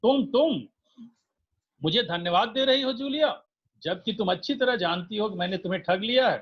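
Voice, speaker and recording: A man's voice: high voice, fairly quick. A man doing a furious stammering householder. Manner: shouting, stammering with rage. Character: angry male householder, stern then remorseful. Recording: dull lo-fi recording.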